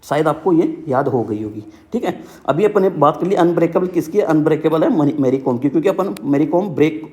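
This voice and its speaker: A man's voice: fairly high pitch, dark tone. A young man teaching exam book lists in a casual, repetitive way, with memory tricks and frequent check-ins. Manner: repetitive, keeps saying "ठीक है".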